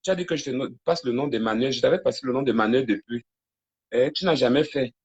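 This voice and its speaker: A man's voice: medium pitch, quick pace, highs cut off. A man hosting a casual livestream from home into a phone, talkative and teasing, with his voice sometimes drifting away from the mic. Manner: talkative, teasing, switches to quiet aside on phone calls. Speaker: livestream host.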